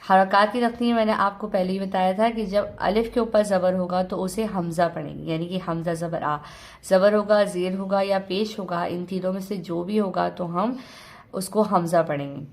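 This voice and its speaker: A woman teaching an online reading lesson. She sounds out syllables slowly and loudly, then explains quickly between drills. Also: mid-range voice, steady tone.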